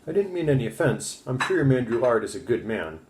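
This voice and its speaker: A man reading aloud and voicing a loud middle-aged French trapper with a heavy French accent, hearty and over-familiar. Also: mid-range voice, very animated, brisk, noisy background, pitched above the performer's own voice. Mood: placating.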